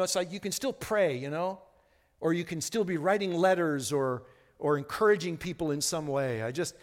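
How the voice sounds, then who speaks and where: A pastor in his sixties preaches a sermon in a high voice with a long reverb tail. He is earnest, often repeats words, and shifts between hushed lines and fervent ones.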